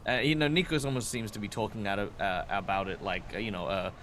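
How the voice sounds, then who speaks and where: Slightly low-voiced hesitant man, noisy recording. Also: expressive, quick pace, fairly bright tone. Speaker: tabletop game player. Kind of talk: casual in-game discussion.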